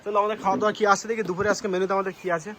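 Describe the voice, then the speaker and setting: A man with a high-pitched voice narrates a casual travel vlog outdoors beside a river. He talks in a chatty, excited way straight to his viewers. Faint noise from outside sits behind him. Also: rapid-fire. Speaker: travel vlogger.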